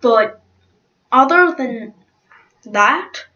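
A woman's voice: on the high side, far from the mic. Woman doing a stammering mock-British contestant. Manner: halting, stammering. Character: contestant claiming a British accent. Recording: dull lo-fi recording.

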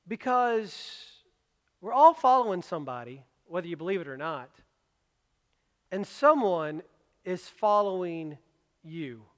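High-voiced male preacher in a reverberant hall. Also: lively intonation, measured pace, pauses often. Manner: conversational, emphatic preaching with personal asides. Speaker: pastor. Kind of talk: sermon. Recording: long reverb of a large hall.

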